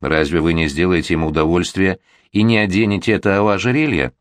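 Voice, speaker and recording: A man voicing an excitable little girl who teases and coaxes, in a read-aloud storybook. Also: sits low, fast, no echo, studio quality, close to an everyday voice. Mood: gushing. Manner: eager, exclaiming, coaxing.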